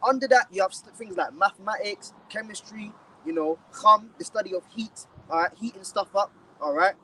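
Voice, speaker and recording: An emphatic London man lectures on a city street and reads scripture aloud. His voice is high and sits away from the microphone. Faint traffic murmurs behind him. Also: normal speed, pushed and bright, far from the mic, poor audio. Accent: London English. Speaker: street preacher. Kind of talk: outdoor sermon, scripture reading.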